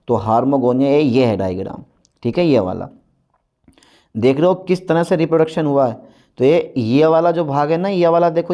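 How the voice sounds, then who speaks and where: A man's voice: mid-range voice, dark tone. A male teacher giving a repetitive, coaxing lecture straight to his students. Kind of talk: classroom-style lecture. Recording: dull lo-fi recording.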